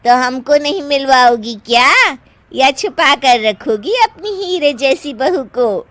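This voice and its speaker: A woman's voice: high voice, animated, takes it slowly, fairly bright tone, dry recording, full character voice. A woman voicing chatty middle-aged women friends in a cartoon, gushing and nosy.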